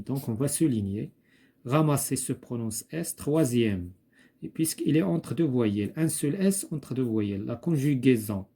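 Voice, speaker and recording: Slow, husky Moroccan teacher. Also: male voice, mid-range voice, mellow. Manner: slow, repeats each word, thinks aloud with fillers. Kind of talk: slow classroom explanation.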